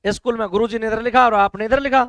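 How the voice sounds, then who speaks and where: A male teacher with a hoarse throat, lecturing a classroom and loudly quizzing the students to answer together. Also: high voice, steady tone, fast talker, no room sound. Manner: loud call-and-response questioning of students.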